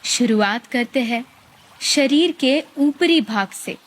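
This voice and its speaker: Gentle instructions come from a woman guiding meditation, her register slightly high and her pace deliberately unhurried. She stays calm, letting generous silences fall between phrases.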